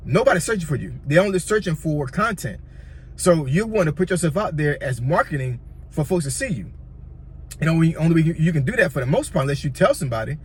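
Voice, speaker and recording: A Virginia-born YouTuber with a Southern accent and a slightly high voice gives rambling, casual tutorial tips. He often says things twice and checks in with "you know what I'm saying." Slight background noise is present.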